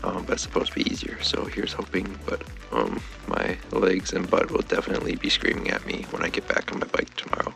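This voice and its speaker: A tired, subdued man with a gravelly voice, talking casually to camera as a vlogger. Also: deep voice, big pitch swings, fairly quick, hardly any pauses, bright, forceful tone, soft background music. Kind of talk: casual vlog talk to camera.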